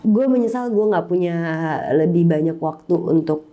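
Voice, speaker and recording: Interview guest: woman, mellow voice, candid and heartfelt storytelling. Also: lowish voice, expressive, moderate pace. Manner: candid, emotional, mixes in English words. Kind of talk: personal storytelling in casual chat.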